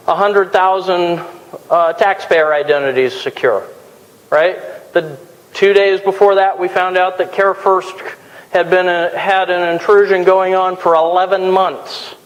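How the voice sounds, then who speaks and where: A man's voice: high voice, little pitch movement, a little slow. Joking man speaking in a reverberant hall. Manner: casual, joking. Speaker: conference speaker. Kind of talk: conference talk. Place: conference hall.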